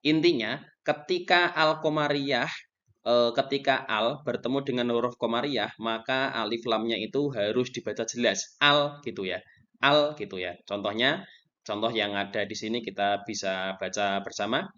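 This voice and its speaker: A man's voice: mid-range voice, moderate pace, a bit bright. A man teaching a Quran recitation lesson, explaining patiently and repeating himself with frequent checks. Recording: dull lo-fi recording.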